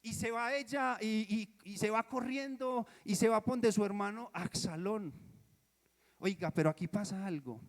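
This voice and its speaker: A Colombian man preaching a sermon, telling a Bible story in a lively way and dropping into soft asides. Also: sits high, measured pace. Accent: Colombian Spanish. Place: church. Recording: church hall reverb. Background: long hall echo.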